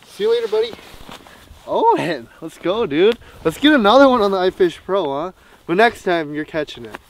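A man's voice: sits high, very animated, moderate pace, slight background noise. A man chatting casually for an outdoor fishing vlog on a frozen lake, with slangy buddy-like banter. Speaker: fishing vlogger.

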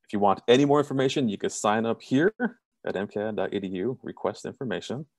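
A man from Southern California, a college admissions representative, giving an online information session over a video call in a plain, self-described monotone, direct way. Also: lowish voice, fast talker, dry recording, clean studio sound.

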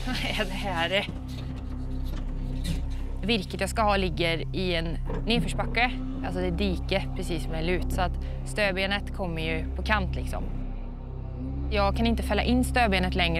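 A woman's voice: medium pitch, pauses often. A young woman with a Swedish accent, a timber truck driver thinking aloud in a reality show, swearing under stress. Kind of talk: reality TV commentary. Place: truck cab. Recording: music playing underneath.

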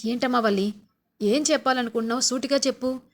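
A woman voicing a stern older man, the head of the family, pressing his daughter-in-law with quick firm questions. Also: fairly high pitch, fairly even intonation, lightly acted. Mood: stern questioning.

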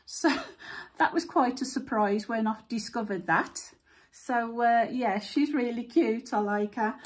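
A woman's voice: on the high side, measured pace. A woman vlogging at home in a casual, chatty way, thinking aloud with fillers as she shows things and tastes food. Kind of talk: casual chat.

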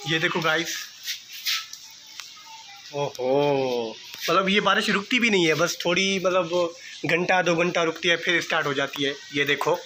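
A man's voice: a little high, a little slow, pauses often, sharp tone, faint music behind, poor audio. Chatty young man vlogging at home. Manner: chatty, loose, restarts with filler words. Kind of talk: casual vlog chat. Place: at home and outdoors in rain.

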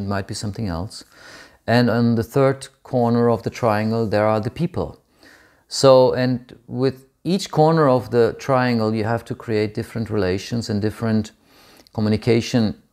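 A man in his forties with a low-pitched voice speaks as a curator in an interview. He answers thoughtfully, pausing to search for words and restarting phrases. He is recorded at home on a clip-on mic. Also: a little mellow. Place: home study with bookshelves, indoors.

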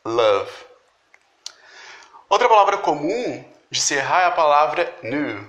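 Man slowly teaching word sounds, echoey room. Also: fairly high pitch, lively intonation, fairly bright tone. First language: Portuguese. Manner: slow, deliberate repetition of example words. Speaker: pronunciation tutor. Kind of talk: instructional explanation.

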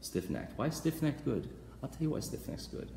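Animated man in an echoey room. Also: medium pitch, a little fast, vocal fry, slight background noise. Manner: animated, gesturing, jumps into loud acted voices. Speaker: rabbi teaching a weekly class. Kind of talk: animated Torah class. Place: small room before a banner backdrop, live class. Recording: echoey room with long reverb.

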